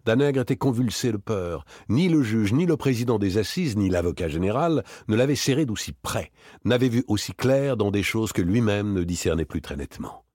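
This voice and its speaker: A man reading a crime story aloud as an audiobook narrator, in a theatrical, expressive way. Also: fairly low pitch, normal speed, dry recording, studio quality. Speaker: audiobook reader.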